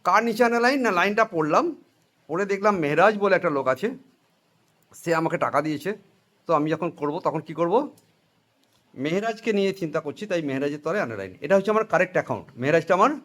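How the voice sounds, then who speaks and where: High-voiced male teacher drilling a class. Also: lively intonation, quick pace, fairly bright tone. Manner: drills students with repeated questions; mixes in English and Hindi phrases. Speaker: accounting teacher. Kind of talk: classroom lecture with call-and-response.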